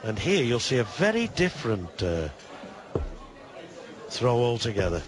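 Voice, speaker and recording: A man giving live darts commentary, measured and analytical, with considered pauses. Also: mid-range voice, big pitch swings. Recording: busy crowd behind commentary. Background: darts crowd.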